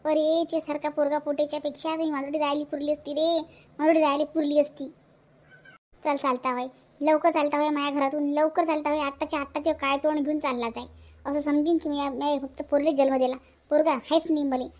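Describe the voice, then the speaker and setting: A woman's voice: high voice, little pitch movement, brisk, a little mellow, lightly acted. A woman with a Vidarbha Marathi accent voicing a fierce, scolding widowed village mother in a cartoon. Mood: furious scolding. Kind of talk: cartoon voice acting.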